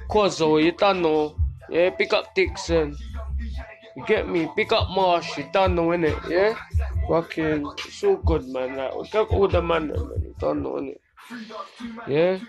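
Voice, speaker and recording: A man's voice: on the high side, a little slow, vocal fry. A middle-aged man with a south London accent, hosting a casual solo podcast in heavy street slang, with swearing and frequent tag questions. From Brixton, south London. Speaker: podcast host. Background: music.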